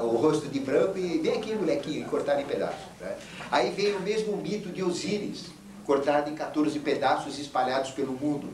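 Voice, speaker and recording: A man giving an esoteric lecture, retelling myths in a storytelling manner with frequent "né?" tags. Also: fairly high pitch. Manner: storytelling, acts out quoted lines, frequent "né?" tags. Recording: echoey room, distant mic, faint hiss.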